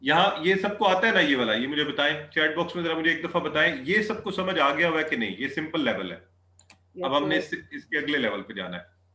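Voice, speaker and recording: A man teaching an online Arabic class, repeating phrases slowly and checking often that the students follow. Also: on the high side, pushed and bright. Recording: echoey room.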